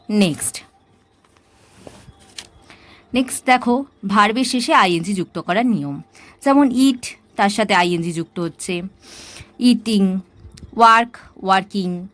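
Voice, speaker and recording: Woman teacher, Bengali accent, patient and slow on examples, dry close sound. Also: mid-range voice, dry recording. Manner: patient, reads English examples very slowly, spells words out letter by letter. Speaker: English grammar teacher. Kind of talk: explaining a lesson.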